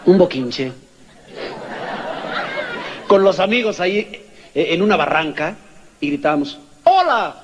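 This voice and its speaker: A man doing a stand-up comedy routine, telling jokes in an animated way and acting out characters in squeaky and whispered voices. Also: measured pace, long pauses. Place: stage before a live audience. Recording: lo-fi live stage recording with crowd noise.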